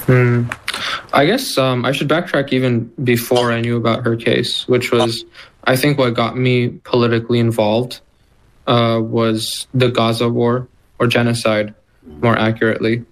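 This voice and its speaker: A man's voice: medium pitch, a little slow, a little hiss or hum, rough recording. A young man in his twenties from Texas, answering interview questions casually as an activist. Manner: casual, relaxed, with like fillers.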